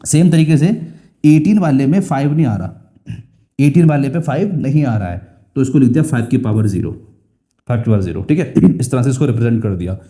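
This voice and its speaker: A young man with an Indian English accent and a brisk, mellow, mid-range voice teaches a school math lesson. He repeats key phrases and asks and answers his own questions.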